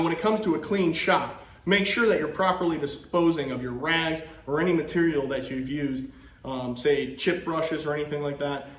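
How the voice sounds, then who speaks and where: Thirties male workshop host, practical and joking, recorded in an echoey shop. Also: fairly high pitch. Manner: folksy, practical, joking asides. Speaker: woodworking channel host. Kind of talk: casual how-to demonstration. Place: home woodworking shop, indoors. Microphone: camera-mounted, filmed at arm's length and from a tripod.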